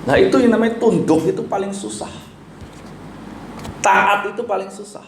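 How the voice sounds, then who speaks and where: A man's voice: high-pitched, normal speed. Emphatic preaching man in echoey church. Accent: Indonesian. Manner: emphatic preaching with rhetorical questions. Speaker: pastor. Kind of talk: sermon. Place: church hall. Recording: echoey church room, faint background noise.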